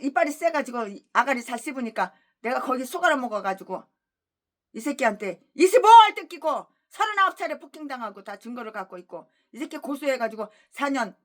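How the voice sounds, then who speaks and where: A woman pastor preaches an expository sermon, erupting into angry, abusive tirades that swing between shouting and low muttering.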